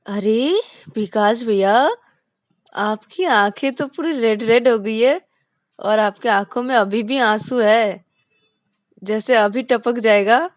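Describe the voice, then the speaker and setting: Brief: woman doing a slow-talking young man who teases his friend, in a dry storybook read. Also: on the high side, dry recording, voice pushed up. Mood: concerned. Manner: drawn-out, teasing.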